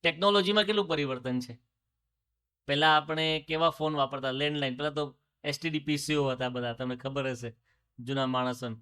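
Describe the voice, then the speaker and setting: Man preaching with a raised pitch. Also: steady tone, fairly quick, sharp tone, clear, resonant tone. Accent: Gujarati. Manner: storytelling, with rhetorical questions and English phrases mixed in. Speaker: religious speaker. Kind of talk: spiritual discourse to devotees.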